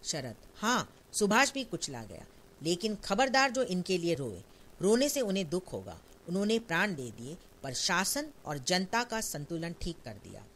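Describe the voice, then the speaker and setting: A man's voice: high-pitched, sing-song, normal speed, fairly bright tone, a little hiss or hum, exaggerated voice. A reader playing a wounded man in a stage play who speaks firmly and solemnly. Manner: firm, solemn speeches.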